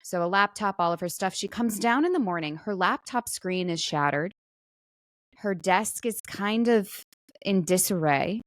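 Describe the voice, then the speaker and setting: Animated and a little slow, a woman with a mid-range voice co-hosts a casual talk show, retelling a viral story conversationally while acting out quoted asides. The recording is dry, with clean studio sound.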